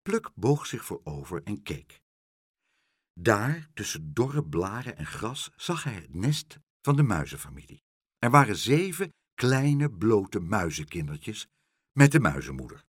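A man narrating a children's storybook in an expressive, swinging storyteller manner. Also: lowish voice, unhurried, husky, no echo, clean studio sound. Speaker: audiobook narrator.

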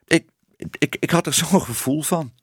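A man's voice: medium pitch, sing-song, normal speed, no room sound, studio quality. A man voicing a shy young woman, once a cat, who speaks hesitantly.

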